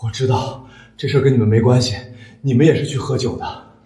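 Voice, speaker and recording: A man's voice: mid-range voice, steady tone, fast talker, warm tone, breathy edge. An actor playing a grief-stricken, determined son seeking justice for his father in a short drama, pleading and tearful. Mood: broken pleading. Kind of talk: emotional short-drama acting.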